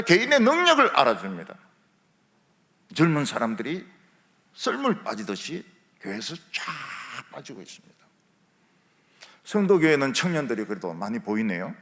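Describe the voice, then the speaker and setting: Male revival preacher, wildly expressive delivery, long church hall reverb. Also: medium pitch. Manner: lively preaching with rhetorical questions and humor. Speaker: pastor. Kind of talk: revival sermon. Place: large church sanctuary.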